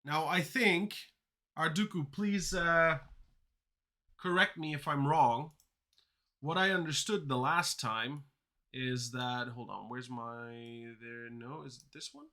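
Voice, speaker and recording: Speaking slowly in a bright, forceful voice on the high side, this streamer is learning to code. He grew up with Dutch and Turkish as first languages, and his casual talk rambles as he responds to chat questions along the way.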